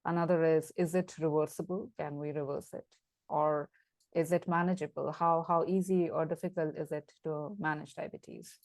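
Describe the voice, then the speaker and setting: Woman host, low-ish voice, chatty interviewer who restarts sentences, dry sound. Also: steady tone, normal speed, darkish tone, no room sound. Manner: chatty, thinks aloud with restarts. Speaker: podcast host. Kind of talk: conversational interview.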